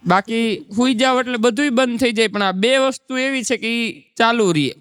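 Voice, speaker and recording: A man's voice: very high-pitched, normal speed, fairly bright tone, clean tone, dry recording, in a large hall. A man, doing folk stand-up comedy and telling chatty anecdotes. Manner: chatty, anecdotal, recites verse. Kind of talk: Gujarati folk stand-up storytelling.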